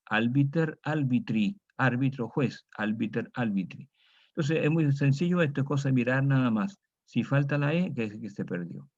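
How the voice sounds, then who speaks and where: A man teaches a Latin grammar lesson in a patient, steady way, walking students through each case and checking they follow. His voice sits at a middling pitch. The recording sounds dull and lo-fi. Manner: patient, drills students on declensions, frequent "¿ah?".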